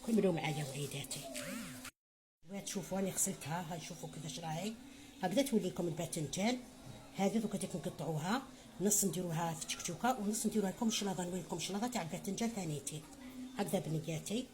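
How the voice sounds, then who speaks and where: A woman's voice: on the low side, rapid-fire, background noise. A middle-aged woman with an Algerian Arabic accent giving a home cooking tutorial, chatty and motherly, calling viewers her children and adding blessings. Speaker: home cook.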